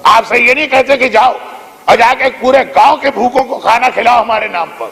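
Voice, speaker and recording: High-voiced male preacher in echoing hall. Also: creaky, a bit bright. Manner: storytelling, exhortative. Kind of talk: sermon. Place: religious gathering hall. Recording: echoey hall reverb.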